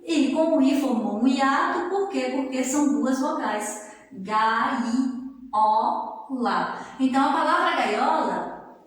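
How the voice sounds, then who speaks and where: A woman teaching a grammar lesson, sounding out syllables slowly and often checking in with her students. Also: sits high, animated. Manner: slow, drawn-out syllables with frequent check-in tags. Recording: very echoey room with long reverb.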